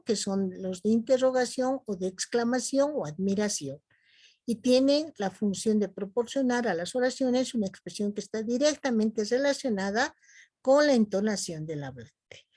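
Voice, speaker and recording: Slow, dry-voiced Bolivian woman teacher. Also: a little high, a little mellow, no room sound. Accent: Bolivian Spanish. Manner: slow, explanatory, with frequent "¿no?" tags and fillers. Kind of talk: recorded video lecture on punctuation.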